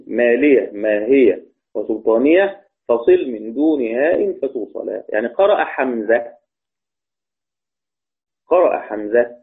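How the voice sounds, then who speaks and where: Egyptian sheikh teaching over tinny audio. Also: male voice, medium pitch. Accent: Egyptian Arabic. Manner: repeats key words, asks students questions. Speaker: Quran recitation teacher. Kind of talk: explanatory lesson.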